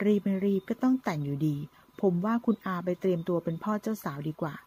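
A woman voicing a brash young man pushing his own wedding, in a low husky voice. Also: lively intonation, fast, warm tone. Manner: bold and cocky.

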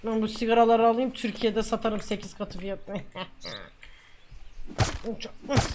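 Brash high-voiced woman streamer. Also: steady tone, measured pace, noisy background. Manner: brash and mock-stern, swears and scolds playfully; loud bursts and teasing asides. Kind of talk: gameplay commentary.

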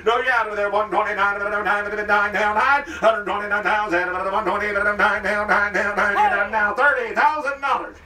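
A man working as an auctioneer, calling bids in a rhythmic rolling chant with quick sales patter into a handheld mic at an outdoor farm sale. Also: high-pitched, steady tone, bright, forceful tone, distant mic, faint music behind. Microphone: handheld microphone. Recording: roomy sound from off-mic.

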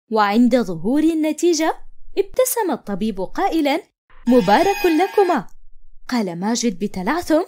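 A woman narrates a cartoon story as a young wife telling her own tale. Her voice sits high and moves over a wide, expressive range. She does all the other figures herself and drops lower for the doctor. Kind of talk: storytelling narration in classical Arabic.

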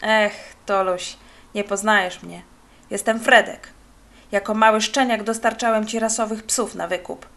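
A woman's voice: mid-range voice, fairly even intonation, measured pace, a bit bright. Sly young ex-con, mocking and scheming, read by a woman, storybook. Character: sly young male ex-convict hustler.

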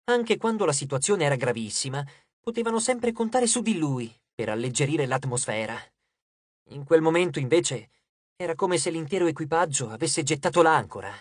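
An audiobook narrator reading a novel in an expressive storytelling manner, recorded in a studio. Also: mid-range voice, moderate pace, breathy edge, no room sound.

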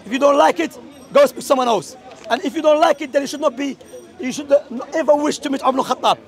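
Man from Algeria, high gravelly voice, fast forceful street preaching, crowd murmur outdoors. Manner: forceful, mixing English with Arabic quotes. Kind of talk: street debate. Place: outdoors at a public speaking corner.

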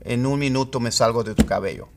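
A man teaching English idioms. He explains patiently and repeats phrases slowly, word by word. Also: mid-range voice, vocal fry. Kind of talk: Spanish-language lesson on English idioms.

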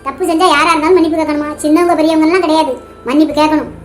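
A woman's voice: high voice, fairly even intonation, very fast, faint music behind, natural voice. A woman voicing an affectionate, teasing old grandmother in a cartoon, with a Tamil Nadu accent. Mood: playful. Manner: teasing, then tearfully apologetic. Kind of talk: cartoon voice acting.

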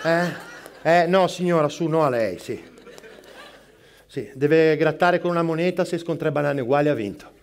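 A man doing a frazzled middle-aged barista in a live stand-up sketch, his voice sitting fairly high as he fires off rapid replies to customers, phone callers and coworkers. He snaps, swears under his breath and never slows down. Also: close to an everyday voice. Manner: rapid-fire, juggling customers and calls, snapping asides. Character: frazzled middle-aged male barista, harried and foul-mouthed. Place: live stage performance.

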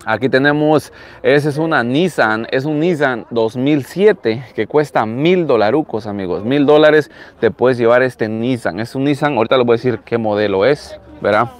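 Man, thirties, Latin American Spanish accent. Casual live-stream host, chatty and repetitive, mid-pitched, recorded outdoors on a handheld phone. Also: normal speed. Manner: chatty, repeats phrases. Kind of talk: casual live vlog commentary, showing used cars. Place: outdoors in an open car lot. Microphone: handheld phone at arm's length.

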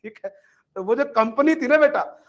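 A man lectures an exam-prep class in a very high voice. He is chatty and coaxing, calling his students "beta" and "bhaiya". The recording is dull and lo-fi. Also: expressive, normal speed. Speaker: exam coaching teacher.

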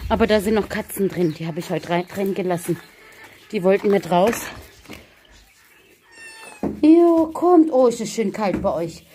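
Slow-talking German woman vlogging with animals. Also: on the high side, noisy background. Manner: chatty, coaxing pets with pet names. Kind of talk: casual vlog talking to viewers and animals. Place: outdoors in a hot village yard with animal pens.

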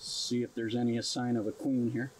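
A man's voice: medium pitch, flat delivery, moderate pace, husky, poor audio. A man narrating a casual homestead vlog in an easygoing, matter-of-fact way, recorded outdoors by his beehives. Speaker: homesteading vlogger.

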